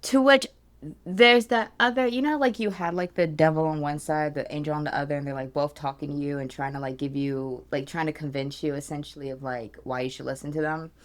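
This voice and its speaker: A woman in her thirties vlogs to camera with candid, emotional energy, her voice sitting a little low. She gets animated and sometimes drops to a hushed tone when she talks herself down. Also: a little fast. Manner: animated and emotional, self-soothing in hushed tones. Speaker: vlogger and business coach. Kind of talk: candid casual vlog.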